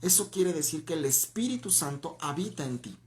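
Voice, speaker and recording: A man's voice: a little high, animated, moderate pace, darkish tone. A man teaching a Bible class on a livestream in a conversational way. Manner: conversational, greets viewers by name mid-lesson. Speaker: church teacher. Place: church room, livestream.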